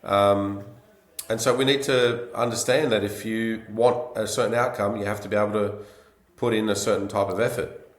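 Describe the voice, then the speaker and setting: A man hosting a podcast interview, asking questions in a casual, relaxed way. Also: on the low side, moderate pace, roomy sound. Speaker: podcast host. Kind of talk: conversational interview.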